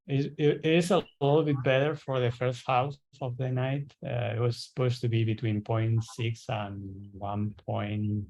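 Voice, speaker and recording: Very slow-speaking man in technical discussion. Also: lowish voice, a little mellow, rough recording. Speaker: observatory staff operator.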